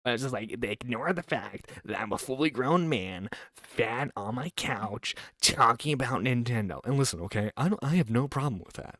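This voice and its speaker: A man's voice: medium pitch, animated, moderate pace, fairly bright tone, no room sound, studio quality. A man in his twenties hosting a casual internet radio stream, rambling and joking. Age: 20s. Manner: rambling, joking, mocking impressions.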